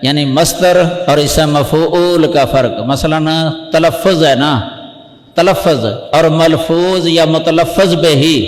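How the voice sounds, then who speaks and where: Man teaching scripture in an echoey hall. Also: on the high side. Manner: explanatory, repeats key terms slowly for emphasis. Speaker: Islamic scholar teaching hadith. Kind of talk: Urdu religious lesson. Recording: echoey hall with long reverb.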